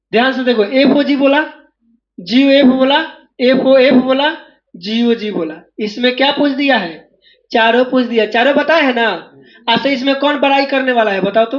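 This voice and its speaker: A man's voice: very high-pitched, highs cut off. A man teaching maths in a classroom, pressing students again and again to call out the answers. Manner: drills students, asking them again and again to answer aloud. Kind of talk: classroom lecture.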